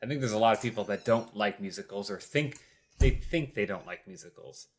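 A man's voice: lowish voice, lively intonation, brisk, a little hiss or hum. A man co-hosting a casual group chat about movies, rambling and enthusiastic with lots of filler words. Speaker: podcast co-host.

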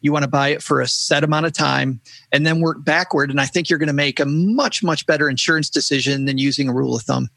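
A man's voice: fairly high pitch, fairly even intonation, fast, creaky, hardly any pauses, fairly bright tone, no room sound. A man chatting casually and jokingly as a podcast guest. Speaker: podcast guest, a show host himself.

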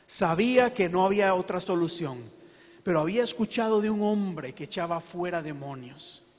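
A man preaching a sermon to his congregation, earnest and emphatic, with slow dramatic pauses. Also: high-pitched, long reverb tail. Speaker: pastor.

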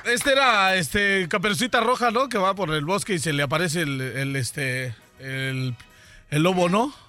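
A man's voice: sits high, unhurried, sharp tone, faint music behind. A man telling a joke on a radio comedy show, hesitant and full of fillers. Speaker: comedy cast member telling jokes.

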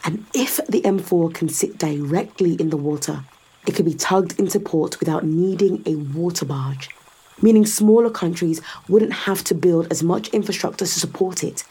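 In a full-cast science fiction radio play, an actress voices a calculating woman in power. Her fairly low, husky, warm voice moves at normal speed as she lays out her case with controlled, sardonic authority, insistent and persuasive. The audio quality is poor.

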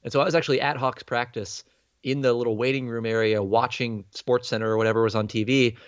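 Fast-talking man with slight vocal fry. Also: mid-range voice, steady tone, no room sound, dull audio. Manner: rambling, conversational retelling. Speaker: podcast guest, sports writer. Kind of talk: casual sports chat.

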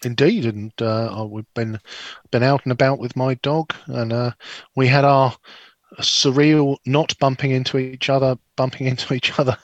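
A man's voice: medium pitch, fairly even intonation, moderate pace, dry recording, muffled recording. A jokey English man co-hosting a podcast over a video call, his voice sitting in the middle of the range. The sound is dry and close, with no room around it. He rambles along with fillers and restarts. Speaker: podcast co-host. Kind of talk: casual chat.

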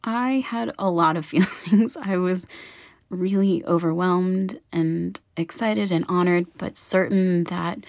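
A woman's voice: fairly low pitch, no echo. A woman speaking conversationally as an author and illustrator being interviewed.

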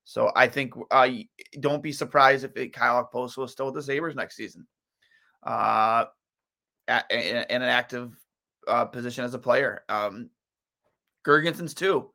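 A man's voice: medium pitch, normal speed, creaky, sharp tone. A tired man hosting a solo sports podcast, rambling through his thoughts with lots of fillers and restarts. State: tired, yawning.

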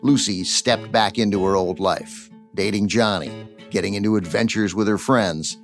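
A man's voice: lowish voice, moderate pace. Male documentary narrator over faint music. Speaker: podcast host and narrator.

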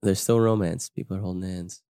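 A man's voice: sits low, fairly even intonation, a little fast, mellow, clean tone. A young adult man with a standard American accent, chatting casually over a game in a slangy, profane, teasing way. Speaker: player watching and teasing opponent. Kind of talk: casual gaming banter.

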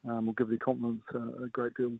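A man giving casual, measured sports analysis as a guest coach, often pausing with filler phrases. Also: mid-range voice, completely flat delivery, vocal fry, dry recording. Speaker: rugby coach as guest pundit. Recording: narrowband phone-like line.

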